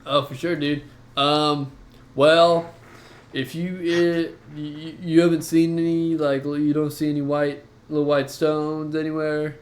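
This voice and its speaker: A man's voice: on the high side, level tone, takes it slowly, pitched above the performer's own voice. A man voicing a chatty robot townsman, casual and rambling, calling everyone man and dude. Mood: laid-back. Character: chatty robot townsman who turns into a cart.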